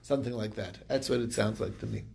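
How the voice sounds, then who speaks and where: A man's voice: lowish voice, fairly quick, gravelly, darkish tone. A man casually retelling a Talmud story in quoted back-and-forth dialogue, with fillers and restarts. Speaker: Talmud study reviewer.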